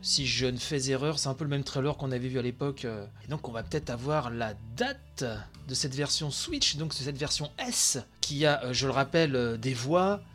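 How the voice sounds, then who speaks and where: A tired man hosting a podcast, giving chatty, excitable live commentary on a video stream, full of fillers and asides. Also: medium pitch, moderate pace, faint music behind. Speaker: podcast host.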